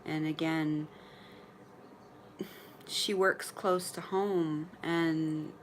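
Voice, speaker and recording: A woman's voice: low-pitched, slight background noise. A woman in her forties chatting candidly on a livestream from her mother's apartment, often laughing and sometimes talking while eating. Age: 40s. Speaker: vlogger livestreaming to followers. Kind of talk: casual livestream chat.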